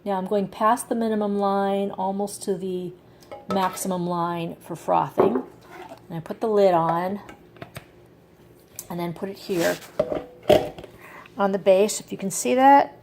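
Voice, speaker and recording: A woman's voice: mid-range voice, fairly even intonation, a little slow, long pauses, heavy background noise. A woman giving an enthusiastic, chatty product demo to a camera she holds in her hand, poking fun at herself as she goes. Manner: chatty, enthusiastic, self-mocking. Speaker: product reviewer. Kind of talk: casual demo talk to camera. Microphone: handheld camera mic.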